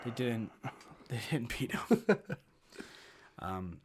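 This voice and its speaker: A man's voice: medium pitch, big pitch swings, extremely slow, a little hiss or hum. A man hosting a casual sports podcast, joking with his co-hosts as he leads the segment. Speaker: podcast host.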